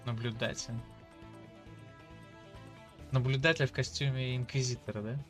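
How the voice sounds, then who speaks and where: A man chatting casually while playing a video game, in a halting, offhand, slangy way. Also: mid-range voice, steady tone, over music. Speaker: gamer. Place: voice over loud game music.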